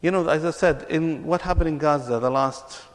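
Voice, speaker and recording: On the high side and moderately paced, this man's voice carries a speech to an audience about reconciliation. He is a Palestinian ministry speaker whose earnest storytelling includes much repetition, heard through long hall reverb.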